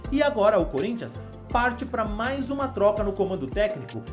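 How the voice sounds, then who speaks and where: A woman's voice: mid-range voice, sing-song, moderate pace, over music. A woman giving scripted football commentary, talking straight to the viewer in a conversational way. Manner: conversational, addresses viewer directly. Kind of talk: scripted sports commentary voice-over.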